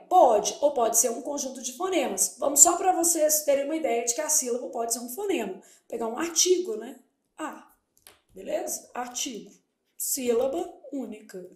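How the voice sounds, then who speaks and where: A woman teaching a Portuguese exam-prep lesson, posing questions and answering them herself. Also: sits high. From Brazil. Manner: explanatory, asks and answers her own questions. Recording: echoey room.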